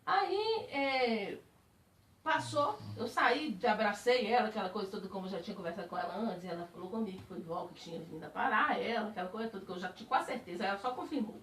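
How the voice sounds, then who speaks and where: A woman speaking as a spiritist, giving a personal testimony to a group in animated storytelling. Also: mid-range voice, fast talker, a little hiss or hum. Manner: animated storytelling, laughing while recalling. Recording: echoey room, distant mic.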